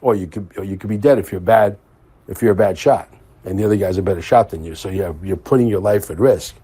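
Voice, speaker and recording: A man's voice: deep voice, fast, dark tone, husky. A man hosting a podcast in a casual monologue, emphatic and repeating phrases for stress. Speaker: podcast host.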